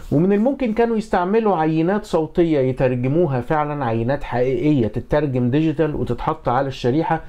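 With a slightly high voice and dull audio, a middle-aged Egyptian-accented man teaches music and audio engineering from his small indoor home studio. He keeps it informal and conversational, asking rhetorical questions as he instructs.

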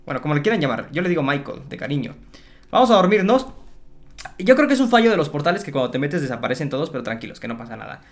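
A man commentating his Minecraft play for viewers, excitable and chatty, repeating words and exclaiming. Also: a little high, fast talker. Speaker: gaming YouTuber.

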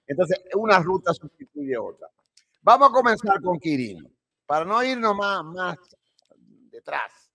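A man explains things in a deliberate, emphatic way. His voice sits high for a man and has a strong gravelly fry. He speaks into a close studio mic. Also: very animated, fairly bright tone. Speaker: guest crime analyst. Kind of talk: emphatic studio interview analysis. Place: home office with shelves and flags. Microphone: studio mic on boom arm.

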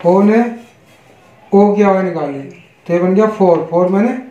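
A man with an Indian accent teaching English pronunciation, spelling each word letter by letter and giving its meaning in a slow, repetitive way. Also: high-pitched, mellow. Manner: spells words letter by letter, then gives Hindi meanings. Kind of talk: online English pronunciation lesson. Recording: echoey, dull lo-fi room.

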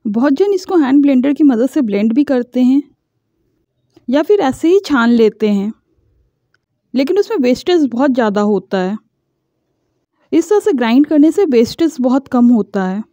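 High-voiced woman guiding a home recipe. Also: moderate pace, pauses often, no echo, clean studio sound. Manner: calm, instructional, explains each step. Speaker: cooking channel host. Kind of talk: step-by-step cooking voice-over. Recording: dull lo-fi voice-over.

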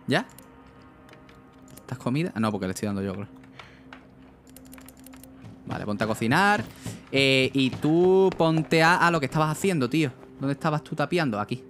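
A man's voice: medium pitch, animated, normal speed, pauses often, fairly bright tone, soft background music. Casual young man from streaming games. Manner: casual, chatty, asks chat often, swears. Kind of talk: gaming livestream commentary.

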